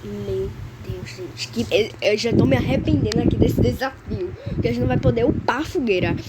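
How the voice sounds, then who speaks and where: A Brazilian woman commentates her gameplay, chatty and easily rattled, always calling out to her viewers. Her voice sits a little high. Steady game noise runs clearly under her talk. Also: a little fast. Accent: Brazilian Portuguese. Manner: anxious, chatty, keeps exclaiming to viewers. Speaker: gamer. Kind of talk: let's play commentary.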